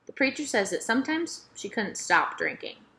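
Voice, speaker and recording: A woman's voice: a little high, big pitch swings, normal speed, pushed and bright. A woman voicing an innocent, curious young girl who asks earnest, hesitant questions in a children's storybook. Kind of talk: children's novel read-aloud.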